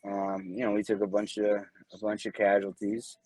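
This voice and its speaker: This is a former Navy corpsman, a guest in a casual interview conversation, speaking through a podcast microphone. His voice is husky and lowish, and his manner is relaxed and hesitant, with lots of fillers at a moderate pace. The recording is rough but has no echo.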